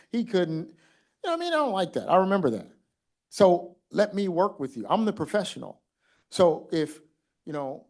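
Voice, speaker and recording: A man from Mississippi giving an animated, conversational conference talk as a kidney doctor, acting out what he tells patients. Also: sits high.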